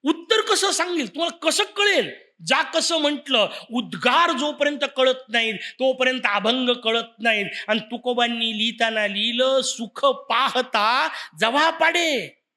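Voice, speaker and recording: A man's voice: very high-pitched, normal speed. A man giving a devotional lecture, firing rhetorical questions at his listeners and telling stories with playful teasing. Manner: rhetorical questions, animated storytelling. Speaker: religious discourse speaker.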